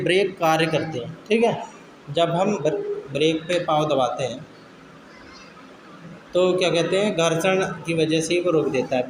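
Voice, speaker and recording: A man with a notably high voice teaches a science class, reading points out slowly and then explaining them in plain terms. He keeps checking in with the class and is firm when they fall behind. The room is echoey with clear background noise. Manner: dictates slowly from notes, then explains with everyday examples, repeating "okay"; scolds students firmly. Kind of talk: classroom lecture.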